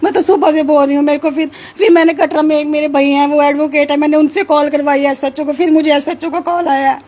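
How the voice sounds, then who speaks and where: A woman's voice: high-pitched, flat delivery, fast, a little mellow. A woman from Katra speaking urgently and insistently about her missing husband. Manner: urgent, insistent, repeats words. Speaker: wife of a missing man. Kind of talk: emotional interview.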